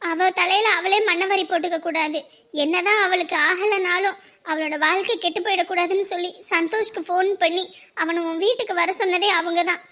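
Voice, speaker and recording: A woman voicing a kind young doctor in a cartoon drama, gentle and reassuring. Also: very high-pitched. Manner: gentle, soothing.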